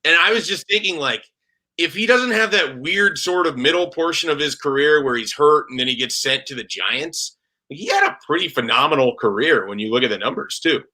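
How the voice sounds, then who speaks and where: A man with a bright, forward voice chats loosely about sports as a guest reporter. He rambles in a relaxed, conversational way, filling gaps with frequent "like"s. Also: fairly high pitch, brisk. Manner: chatty, rambling with frequent "like" fillers. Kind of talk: casual podcast conversation.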